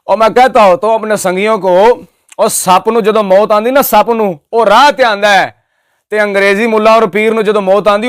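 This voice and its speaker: A man's voice: high voice, a bit bright, smooth, dry recording, studio quality. A man giving an emphatic, mocking religious speech that picks apart another scholar's pronunciation. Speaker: Islamic preacher.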